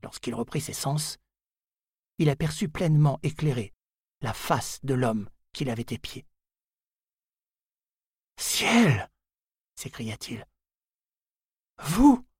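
A man narrating a novel in a measured, deliberate reading style. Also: medium pitch, darkish tone, breathy edge, no room sound, clean studio sound. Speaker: audiobook narrator.

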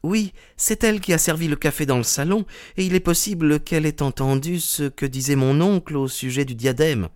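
A man's voice: fairly high pitch, a little fast, few pauses, a little mellow, no echo, clean studio sound, lightly acted. A man voicing an earnest young woman. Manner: polite, sincere. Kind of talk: audiobook character reading.

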